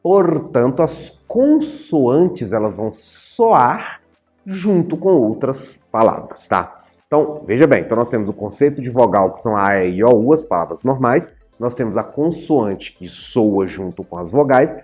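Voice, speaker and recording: A male teacher giving an animated writing and grammar lesson at a whiteboard, playfully addressing his students and stretching out key words as he explains. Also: mid-range voice, a little slow, faint music behind. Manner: animated, playfully addresses viewers as "senhores, senhoras e senhoritos". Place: in front of a whiteboard.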